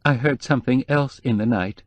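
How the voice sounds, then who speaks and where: Here the narrator plays the same anxious, whimpering middle-aged housekeeper at a medium pitch, still pushed above his own voice yet sounding natural, and he reads briskly. Timid and hesitant, she frets and lets her sentences trail away. The audiobook is recorded close and dry, with no room sound.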